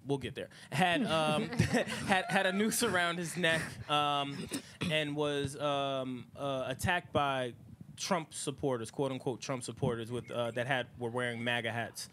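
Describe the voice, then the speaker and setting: A man's voice: mid-range voice, steady tone, measured pace, a bit bright, a little hiss or hum. A man hosting a casual group podcast, talking loosely with slang, fillers and frequent laughter. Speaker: podcast host.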